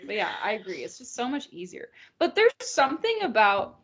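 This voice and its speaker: A woman's voice: on the high side, big pitch swings, brisk, fairly bright tone, husky. Casual rambling woman podcaster from Illinois. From Illinois, USA. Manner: rambling, swears freely, laughs often. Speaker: podcast co-host. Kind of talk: casual chat. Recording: dull lo-fi sound.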